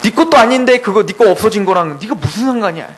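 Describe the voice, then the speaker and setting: A man voicing God, who rebukes a prophet in slow, reasoning words during a sermon retelling. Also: sits high, expressive, a little hiss or hum, rough recording. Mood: rebuking. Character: God, patient stern father rebuking a prophet.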